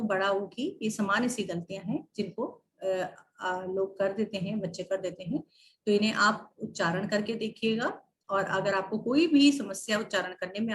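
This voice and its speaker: A woman teacher explaining spelling and pronunciation in a recorded lesson, drawing out each example word slowly. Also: fairly high pitch, fairly bright tone, a little hiss or hum. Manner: slow, drawn-out enunciation of example words. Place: online class video.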